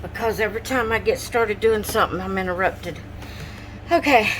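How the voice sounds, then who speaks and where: A woman's voice: a little high, fairly quick, over music, low-quality recording. A woman chatting casually to her camera at home about her coloring pages, drowsy and yawning, apologizing and trailing off mid-sentence. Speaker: vlogger showing coloring pages.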